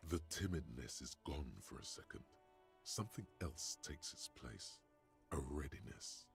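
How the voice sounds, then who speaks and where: A gravelly, very deep game narrator. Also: male voice, expressive, faint music behind, exaggerated voice. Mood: brooding. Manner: slow, measured, ominous narration.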